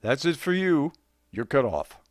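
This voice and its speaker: A man's voice: mid-range voice, sing-song, measured pace, dry recording, studio quality. A man doing a blunt, authoritative bartender. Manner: blunt, matter-of-fact.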